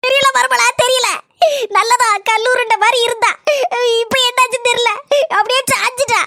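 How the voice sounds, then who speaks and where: A woman voicing a shrill fretful village mother-in-law. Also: level tone, moderate pace, creaky, bright, forceful tone, dry recording, studio quality, exaggerated voice. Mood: worried. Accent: Kanyakumari Tamil. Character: fussy village mother-in-law, doting on her daughter. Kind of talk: cartoon voice acting.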